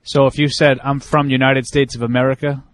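A man's voice: medium pitch, little pitch movement, brisk, dry recording. A man co-hosting a casual sports radio talk show, reeling off stats and needling his co-hosts. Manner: quotes stats with a joking, needling edge.

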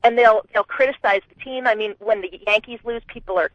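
A woman from New England calling a sports radio show, chatting in an animated, laughing way with lots of restarts, on a phone line. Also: fairly high pitch, fairly quick, no echo. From Connecticut, New England. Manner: chatty, laughing, animated, talks over herself. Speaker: radio caller.

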